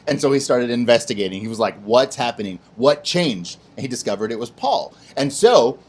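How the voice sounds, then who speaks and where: A man hosting a kids' Bible lesson who tells the story in a lively, casual way and slips into voices for its characters. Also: mid-range voice, fast. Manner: animated, plays voices in his stories, casual slang. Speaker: children's ministry host.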